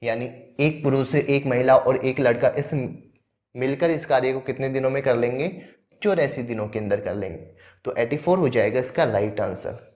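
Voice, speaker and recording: A man's voice: medium pitch, moderate pace, darkish tone. Male maths tutor for exam prep, walks through each step, asks and answers his own questions, mid-range voice. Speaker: maths teacher.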